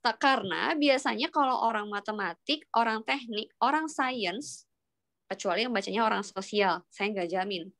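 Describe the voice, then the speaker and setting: A woman's voice: fairly high pitch, normal speed, vocal fry, a bit bright. A woman teaching an online calculus class, patiently walking students through each step and prompting them with questions. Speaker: math lecturer.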